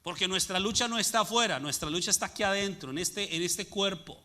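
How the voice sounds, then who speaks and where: A man's voice: high voice, fairly quick, sharp tone. A man preaching a sermon as pastor, asking the congregation rhetorical questions and answering them. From Latin America.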